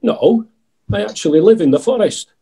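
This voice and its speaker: A man playing an earnest, genial out-of-work outlaw in a pantomime sketch, with a husky voice. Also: high-pitched, expressive, moderate pace, mellow, exaggerated voice.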